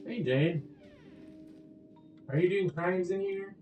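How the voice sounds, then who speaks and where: A game streamer offers goofy, playful commentary packed with silly jokes over his gameplay, speaking slowly at a medium pitch that swoops wildly. The audio is echoey and muffled, with faint music in the background.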